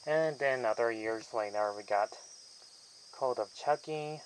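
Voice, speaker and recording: A man's voice: medium pitch, measured pace, slight background noise, low-quality recording. A man giving a casual, rambling film review vlog, with loosely strung sentences that often trail off mid-thought. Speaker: movie reviewer.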